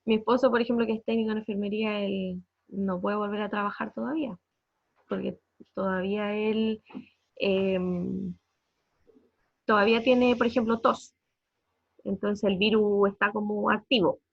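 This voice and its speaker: A woman in her thirties with a Chilean accent gives an emotional family testimony, halting, with many fillers and repeated words. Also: mid-range voice, fairly even intonation, vocal fry, slightly rough, no room sound, highs cut off. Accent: Chilean Spanish. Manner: halting, many fillers and repetitions, voice breaking with distress. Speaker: parent giving a family testimony.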